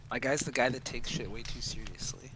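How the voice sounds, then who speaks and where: A man's voice: medium pitch, a little fast. Man on noisy voice chat. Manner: casual, explains game tricks. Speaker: co-op gaming friend. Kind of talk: casual gaming chat.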